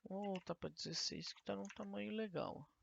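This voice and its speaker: A woman's voice: mid-range voice, moderate pace, creaky, slight background noise. A woman teacher talks through a coding tutorial step by step and asks and answers her own questions. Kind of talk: screen-recorded coding tutorial. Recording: dull, lo-fi dry screen recording.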